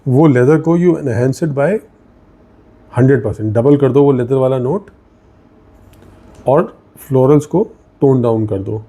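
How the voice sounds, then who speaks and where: Indian male perfume vlogger, deep mellow tone, chatty code-switching review. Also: takes it slowly, pauses often. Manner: mixes Hindi and English, thinks aloud while sniffing. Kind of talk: casual product review vlog.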